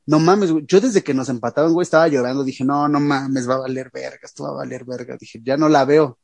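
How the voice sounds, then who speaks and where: Mexican guy on a podcast, kinda high voice, slangy and animated, dry close mic. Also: brisk, dry recording. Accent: Mexican Spanish. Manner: animated storyteller, heavy slang, acts out quotes. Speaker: podcast co-host. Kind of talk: casual chat, reading listener questions.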